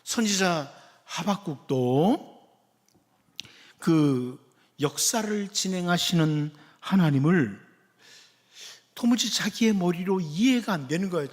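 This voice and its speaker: A middle-aged male pastor giving an earnest, conversational sermon and acting out quoted questions. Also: a little high. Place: church sanctuary. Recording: long church reverb.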